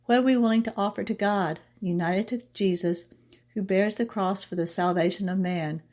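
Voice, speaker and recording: Measured woman reading a devotional script. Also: medium pitch, a little mellow. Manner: measured, reads poetry slowly and deliberately. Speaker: professor presenting a short devotional segment.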